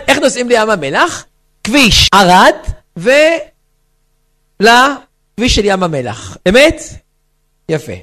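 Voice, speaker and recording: Lively high-voiced rabbi. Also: male voice. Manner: animated, acts out characters, asks the audience questions. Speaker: rabbi giving a talk to women. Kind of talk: humorous storytelling lecture.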